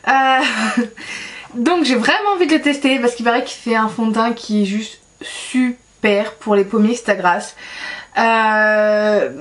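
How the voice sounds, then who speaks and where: A young woman talking casually as a beauty vlogger, chatty and self-mocking, with many fillers. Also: on the high side. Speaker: beauty YouTuber. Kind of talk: casual vlog chat.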